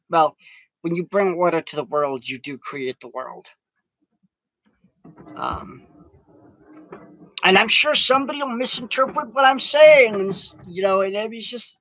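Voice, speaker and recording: High-voiced man ranting with heavy profanity. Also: pushed and bright, dry recording, poor audio. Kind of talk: rambling vlog monologue. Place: outdoors in strong wind.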